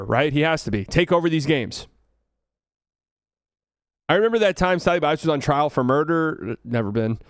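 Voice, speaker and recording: The host of this casual solo sports talk podcast is a Texan man with a light accent whose voice sits on the high side. He rambles, jokes and thinks aloud. It's studio-quality audio with no echo.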